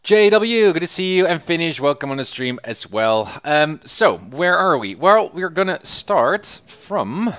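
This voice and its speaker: A man's voice: fairly high pitch, very animated, unhurried, hardly any pauses, fairly bright tone, smooth. A man hosting a livestream through a headset mic, English not his first language, eager and full of ums and restarts. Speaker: livestream host. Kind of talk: casual livestream commentary.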